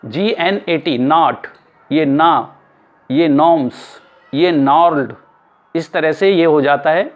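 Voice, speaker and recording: A male teacher giving an explanatory lesson, spelling words out letter by letter and repeating them slowly. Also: on the high side, phone-quality sound. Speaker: English teacher.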